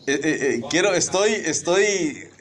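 A male preacher delivers a sermon in a relaxed, conversational way. He teases the congregation and keeps asking them questions, in a voice of ordinary middle pitch. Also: normal speed.

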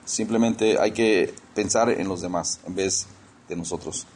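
Husky-voiced man preaching a sermon. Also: sits low, measured pace, darkish tone. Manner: conversational, repeats words while searching for them. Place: church.

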